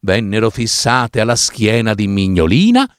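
Male storybook narrator, expressive and lingering, dry studio sound. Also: fairly low pitch, normal speed, no room sound. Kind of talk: storybook reading.

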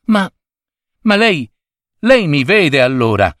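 A man voicing a lonely invisible schoolboy who calls out and pleads in a high, tearful voice. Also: huge pitch swings, slow, a bit bright, no room sound, clean studio sound, heavily acted. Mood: hopeful. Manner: high, crying pleas.

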